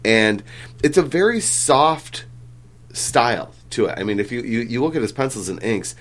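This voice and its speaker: A man's voice: mid-range voice, lively intonation, normal speed, fairly bright tone. A man hosting a casual podcast chat, rambling with lots of fillers and the odd swear. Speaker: comic book podcast host.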